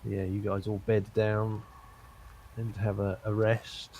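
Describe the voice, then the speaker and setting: A man running a tabletop game as dungeon master, describing the scene haltingly with many ums and uhs. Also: on the low side, little pitch movement, dark tone, slight background noise.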